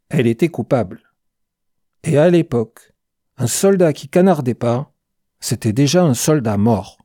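A slow, unhurried reader telling a first-person war story in a mellow, warm voice. The tone is blunt and slangy, and the recording is close and dry with no room sound. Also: medium pitch, no echo. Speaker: audiobook narrator.

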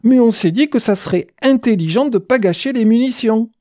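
A reader voicing a cool-headed male soldier who leads his squad with calm, insolent composure, in an audiobook. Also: mid-range voice, fairly quick, dry recording, clean studio sound, voice pushed up, close to an everyday voice. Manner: unflappable, calmly insolent. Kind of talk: audiobook character voice.

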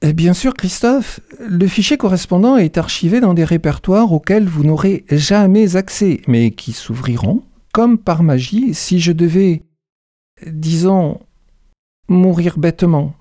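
A cold, ambitious businesswoman from a read-aloud thriller, as a male narrator puts her on, taunting in slow, smug, deliberate phrases. The voice sits a little high but stays dark and mellow, recorded dry and close. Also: no room sound. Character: scheming ambitious female executive, cold and mocking.

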